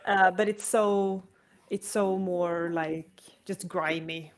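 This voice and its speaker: Woman, book club member, animated, gropes for words. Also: on the low side, slow pace. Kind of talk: casual book club chat.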